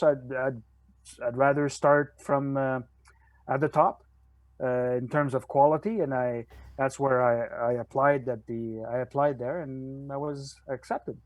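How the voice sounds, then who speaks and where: An older man from Montreal, a retired police officer, speaking as a guest on a podcast with many pauses and fillers. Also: mid-range voice, no echo. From Montreal, Canada. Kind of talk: podcast interview.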